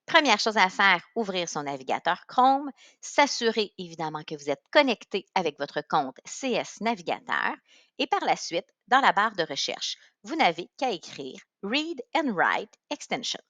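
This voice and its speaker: A woman with a Quebec French accent narrating a step-by-step software tutorial in an instructional way. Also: medium pitch, big pitch swings, normal speed, dry recording. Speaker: tutorial presenter.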